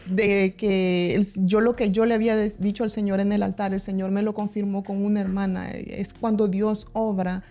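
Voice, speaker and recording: A young woman telling her personal faith testimony on a church podcast, earnest and halting, often restarting her sentences. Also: medium pitch, little pitch movement, dark tone, soft background music. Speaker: church member giving testimony.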